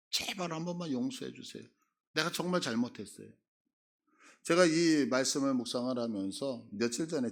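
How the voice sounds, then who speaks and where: Middle-aged male pastor preaching; lively, dramatizes quoted speech. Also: medium pitch. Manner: acts out Bible figures' words with a big rise in voice. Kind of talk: sermon.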